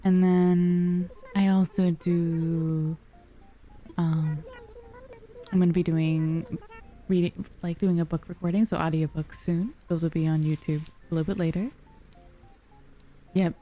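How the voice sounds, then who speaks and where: A woman streamer chats casually with her viewers. Her voice is soft and cozy, on the low side, with a dark, relaxed tone like storybook reading. She addresses listeners affectionately with pet names. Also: measured pace, pauses often, faint music behind. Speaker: livestreamer, VTuber. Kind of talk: casual livestream chat with viewers.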